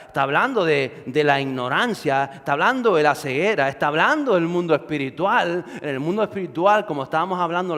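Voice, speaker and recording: Pastor preaching in a reverberant hall. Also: male voice, on the high side, fairly bright tone. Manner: conversational, rhetorical questions, repetition. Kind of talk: sermon.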